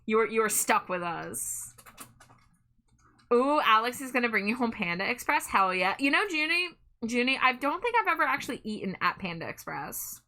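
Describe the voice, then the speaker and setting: A woman with a slightly high, bright voice hosts a livestream. She talks casually and playfully, with the cute manner of an anime streamer. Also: very animated, normal speed. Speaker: livestream host.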